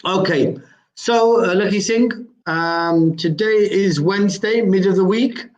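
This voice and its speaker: A man hosting a casual online interview, halting and often repeating his phrases. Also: sits high. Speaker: host. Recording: dull lo-fi online call.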